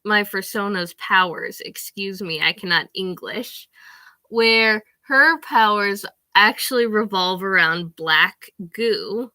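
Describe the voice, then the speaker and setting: Teen girl rambling in her bedroom, lots of likes and ums, slow and unhurried, dry close sound. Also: mid-range voice, expressive, sharp tone, no echo. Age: teens. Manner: rambling, with many "like" and "um" fillers. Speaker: vlogger. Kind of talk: casual chat to camera.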